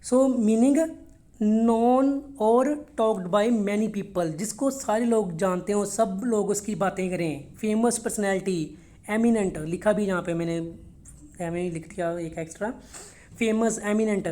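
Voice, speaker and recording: Mellow-voiced woman teaching vocabulary. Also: medium pitch, takes it slowly. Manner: explains words in Hindi mixed with English, repeats each word for pronunciation; checks in with frequent "okay?". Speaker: English teacher. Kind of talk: vocabulary lesson for test prep.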